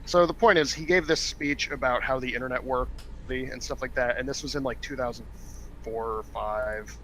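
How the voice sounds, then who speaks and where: A man's voice: medium pitch, fairly even intonation, normal speed, a bit bright, slight background noise. A man co-hosting a casual gaming podcast from home over a headset, rambling and joking with lots of fillers. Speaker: podcast co-host.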